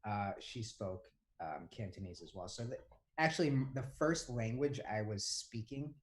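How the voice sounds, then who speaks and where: A young man from Hong Kong, co-hosting a podcast, tells stories in casual chat with a lowish voice at normal speed. His storytelling rambles, full of fillers and restarts.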